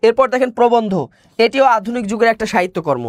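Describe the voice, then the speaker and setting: High-voiced Bangladeshi teacher, dry sound. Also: male voice, animated, quick pace, no room sound. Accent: Bangladeshi Bengali. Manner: explanatory, repeats key words and asks the class questions. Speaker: exam prep teacher. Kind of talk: online exam-prep lecture.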